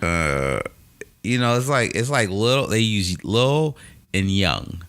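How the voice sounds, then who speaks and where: A man co-hosting a podcast in a casual, halting way, full of uhs and restarts. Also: fairly low pitch, very animated, fairly bright tone, dry recording. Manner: halting, with many fillers and restarts. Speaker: podcast co-host. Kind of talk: casual chat.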